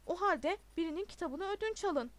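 A woman's voice: extremely high pitch, animated, moderate pace, pitched above the performer's own voice. A woman voicing a stern, impatient male headmaster who gives commands in a raised voice.

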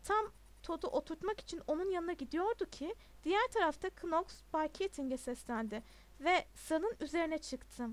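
A woman reading a novel aloud as an audiobook narrator in a steady, even way. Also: very high-pitched, moderate pace.

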